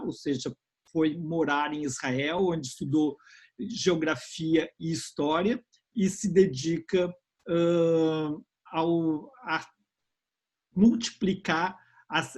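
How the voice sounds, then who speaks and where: A man's voice: a little high, a little mellow, husky. A man moderating an online Q&A, introducing the guest informally with fillers. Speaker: event moderator. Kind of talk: casual moderating on a call.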